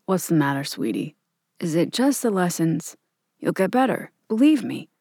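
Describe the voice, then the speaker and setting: A relaxed, irreverent middle-aged father in a storybook, as a woman puts him on. He talks casually and kindly in a lowered voice, dry and close to the mic. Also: moderate pace, breathy edge, dry recording. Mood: gentle. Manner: casual, teasing, gentle.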